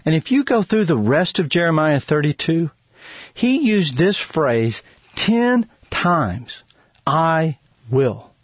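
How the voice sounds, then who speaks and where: A man's voice: fairly high pitch, very animated, slow, dry recording, dull audio. A man hosting a radio show, teaching from the Bible in an earnest, emphatic preaching style, lifting his voice to stress a point.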